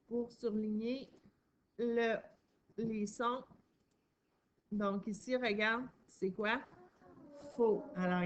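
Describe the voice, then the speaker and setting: A woman's voice: a little high, a bit bright, lo-fi sound, slight background noise. A woman teaching a young child to read, patient and encouraging, stressing each sound and syllable. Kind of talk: reading lesson for a young child.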